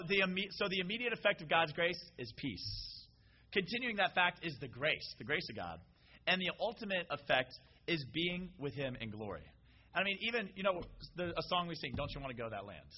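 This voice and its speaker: A man preaching a casual, animated sermon and calling out to the congregation. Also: high voice, highs cut off.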